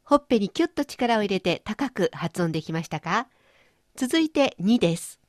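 A woman's voice: medium pitch, sing-song, normal speed, dry recording, studio quality. A woman hosting a language lesson, explaining pronunciation with playful everyday images. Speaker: language teacher and host. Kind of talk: radio-style language lesson.

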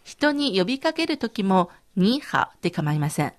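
A woman co-hosting a scripted language lesson who models pronunciation slowly and carefully. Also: mid-range voice, big pitch swings. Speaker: language teacher co-host.

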